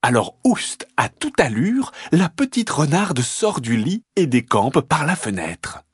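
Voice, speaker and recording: A man reading a children's story aloud in an expressive, lilting storyteller's voice. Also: a little high, measured pace.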